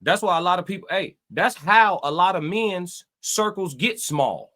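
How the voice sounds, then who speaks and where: A man with a bright, forceful voice hosts a live stream, speaking emphatically to his chat. His pitch sits a little high for a man, and he preaches his points with repetition. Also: lively intonation, moderate pace. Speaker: reaction stream host.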